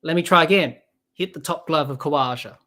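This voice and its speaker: Here a young Australian podcaster gives loose, chatty live commentary on a cricket match, reading out viewer comments between balls. Their voice sits at an ordinary middle pitch with a sharp edge, moving a little quickly.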